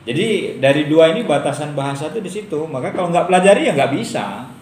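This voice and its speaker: A man's voice: a little high, lively intonation, quick pace, a little mellow. Middle-aged male lecturer, casual and joking, tosses rhetorical questions to the class; roomy room, faint noise. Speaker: university lecturer.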